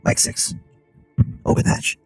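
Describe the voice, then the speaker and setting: A man running a tabletop game, voicing a wary gas-masked male sniper sentry through a voice changer that pushes his voice very high. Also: lively intonation, takes it slowly, no echo, soft background music, heavily acted. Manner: curt, suspicious questioning. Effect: voice changer shifting the voice very high. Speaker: game master.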